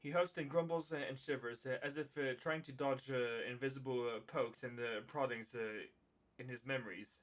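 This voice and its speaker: Guy game-mastering a tabletop game, lots of uhs, halting narration. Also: medium pitch, fairly even intonation. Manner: halting, many uh fillers.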